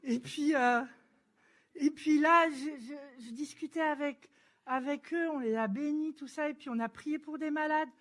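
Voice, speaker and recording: A woman giving a church testimony, telling her story in a lively, chatty way and acting out the dialogue. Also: high-pitched, a little slow. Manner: lively storyteller who acts out dialogue and laughs; chatty and informal, with frequent fillers.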